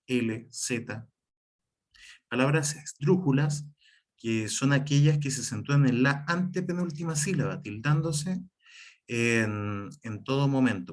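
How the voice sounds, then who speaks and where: A man gives an online lesson in an even, medium-pitched voice. He explains step by step, restarts a phrase now and then, and keeps pointing to examples. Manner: explanatory, repeats "por ejemplo" and "en este caso", some restarts. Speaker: teacher. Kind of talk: online class lecture on writing and spelling.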